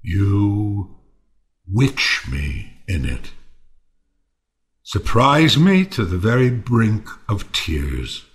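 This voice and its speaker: An actor playing Timon, a bitter, world-weary misanthrope, theatrically mournful and ranting in a Shakespearean audio play. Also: male voice, lowish voice, full character voice. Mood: bitterly moved. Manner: theatrical, swinging from quiet to declaiming.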